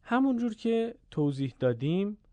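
A man teaching Quran reading in a lesson. He explains the rules quickly and says the example words slowly and drawn out. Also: high-pitched, sing-song, dark tone, no echo. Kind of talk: lesson with slow word drills.

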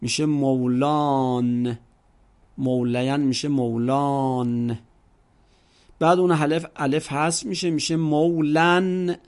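A man's voice: a little high, fairly even intonation, a little mellow. A man teaching an Arabic grammar lesson, explaining patiently, drawing words out and asking rhetorical questions.

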